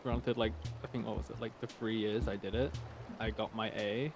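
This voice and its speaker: A man trading playful jokes in a casual stream chat, his voice at a middle pitch. Soft music plays in the background. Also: little pitch movement, moderate pace. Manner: joking, playful. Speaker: stream co-host.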